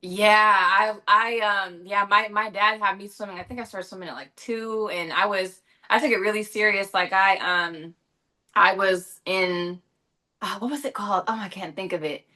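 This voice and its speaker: This young woman, an actress and guest from Los Angeles, handles interview questions in a chatty way, peppered with fillers and self-corrections. Her voice is medium in pitch and sharp in tone, with fairly even intonation and a moderate pace.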